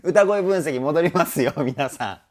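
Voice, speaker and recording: A man's voice: on the high side, lively intonation, unhurried. A man working as a vocal trainer, reacting to a music video and breaking down the singing in an enthusiastic, chatty way. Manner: enthusiastic, chatty, often adds ね; sings short snippets to demonstrate.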